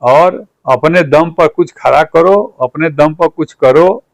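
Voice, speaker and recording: A man's voice: a little high, takes it slowly, creaky, no room sound, rough recording. A man with a Bhojpuri accent, a party leader speaking in a political interview, fiery and rhetorical, repeating phrases for emphasis.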